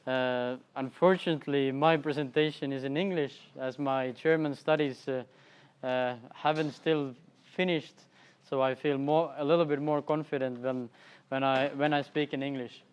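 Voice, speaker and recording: A man from Estonia, speaking with an Estonian accent, gives a conference presentation in a halting way, with many fillers and restarts. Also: mid-range voice, steady tone, clear, resonant tone. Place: festival presentation hall.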